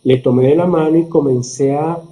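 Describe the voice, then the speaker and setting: A middle-aged man, a surgeon, calmly explaining in a conversational interview, slowing down for emphasis. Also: on the high side. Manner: calm, explanatory, slows down for emphasis. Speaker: surgeon and podcast guest.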